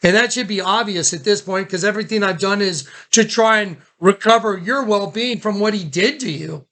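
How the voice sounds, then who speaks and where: Heard on a recorded phone call, this man has a high, bright voice and a moderate pace. His words are casual, yet he's urgent and insistent, giving the others directions and saying things more than once.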